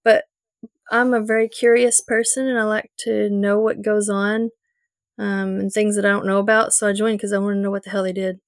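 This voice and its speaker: A woman's voice: mid-range voice, flat delivery, brisk, no room sound, studio quality. A woman co-hosting a casual podcast chat, telling a personal story in a rambling, candid way. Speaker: podcast co-host.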